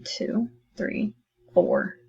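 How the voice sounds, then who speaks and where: A woman's voice: very slow, darkish tone, highs cut off. A woman teacher talking her class through a math lesson in a recorded distance-learning video, chatty and encouraging, thinking aloud as she writes.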